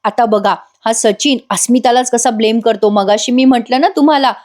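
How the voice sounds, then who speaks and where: A woman with a high voice retells a TV episode in voice-over. She is chatty and keeps turning to address her viewers directly. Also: steady tone, moderate pace, darkish tone. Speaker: serial review narrator.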